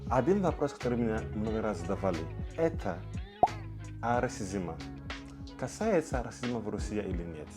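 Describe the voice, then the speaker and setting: A man introduces his own channel in a slow, careful way. His voice sits a little low. Clear music plays beneath his words. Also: big pitch swings. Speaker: YouTube channel host. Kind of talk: scripted vlog introduction. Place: outdoors in a city. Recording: background music.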